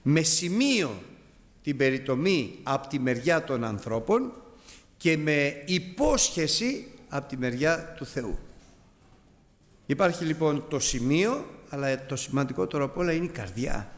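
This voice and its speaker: Man, Bible sermon, earnest, emphatic, fairly high voice, long hall reverb. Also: sing-song. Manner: earnest, emphatic, addresses listeners as brothers. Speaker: Bible teacher.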